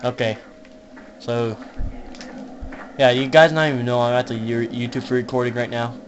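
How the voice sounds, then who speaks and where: A young man casually commenting on a game he is playing, laughing a lot and shouting in panic when scared. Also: medium pitch, flat delivery, normal speed, lo-fi sound, background noise. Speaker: gamer.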